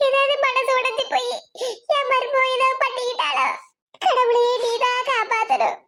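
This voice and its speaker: A woman's voice: very high voice, normal speed, bright, forceful tone. A woman voicing a fretful old village grandmother in a cartoon, wailing and blaming herself, with a Kanyakumari Tamil accent. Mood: lamenting. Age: over 70 (figure). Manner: lamenting, self-blaming. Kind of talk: animated comedy voice acting.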